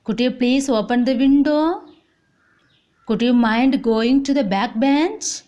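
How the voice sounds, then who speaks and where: A woman with an Indian English accent teaching an online vocabulary lesson, repeating words slowly and saying "okay, see" often. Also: sits high, warm tone, lo-fi sound.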